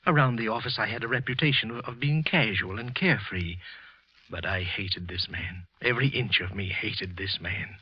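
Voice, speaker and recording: In a 1940s-style radio piece, a male actor with a low-ish voice plays a bitter, trembling office clerk consumed by quiet hatred. He narrates a halting, tense confession, brooding and repeating words. The vintage recording is muffled and husky, with no room sound.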